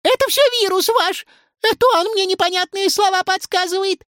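A woman voicing a grumpy young female kikimora, a swamp-spirit pupil, in a squeaky, whiny voice. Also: fairly even intonation, moderate pace, a bit bright, dry recording, clean studio sound. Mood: flustered.

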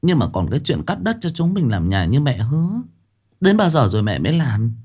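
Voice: mid-range voice, sing-song, a little fast, warm tone, husky, voice pushed up. A storyteller voicing an aggrieved young wife complaining plaintively.

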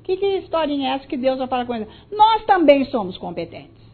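A woman's voice: high voice, sing-song, fairly quick. A woman with a Brazilian Portuguese accent voicing a proud, envious male rebel priest in a mocking, scornful tone. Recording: tinny phone-like audio.

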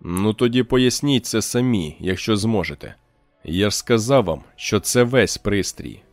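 A calm, sardonic trader speaks slowly and deliberately in a low voice, as a man reading aloud plays him. Every word is measured and unhurried. The sound is dry, with faint music behind. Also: no echo. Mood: cool. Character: calm, ironic male trader.

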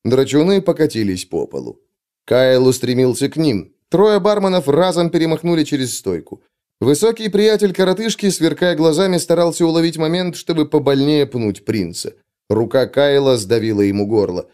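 A man reading an adventure story aloud as narrator, in steady, dramatic storytelling. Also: on the high side, normal speed. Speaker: audiobook narrator. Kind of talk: scripted narration.

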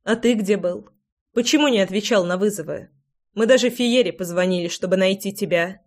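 A frank young woman scolds plainly and directly, as a reader puts her on. She is reproachful and does not mince words. The pitch is middling. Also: brisk, darkish tone, close to an everyday voice.

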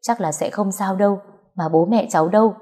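A woman voicing a kind middle-aged woman who gently soothes a crying stranger. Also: mid-range voice, a little fast, husky, close to an everyday voice. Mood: consoling.

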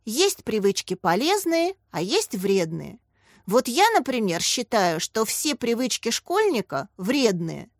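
A woman's voice: a little high, sing-song, measured pace, no room sound, studio quality, exaggerated voice. A woman voicing a chatty, clever schoolboy who argues eagerly and exclaims often. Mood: knowing.

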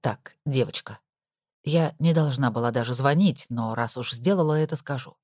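A woman voicing an older, caring, gossipy woman in an audiobook, confiding in a low voice. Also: normal speed, a little mellow, dry recording, clean studio sound. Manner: confiding, chatty.

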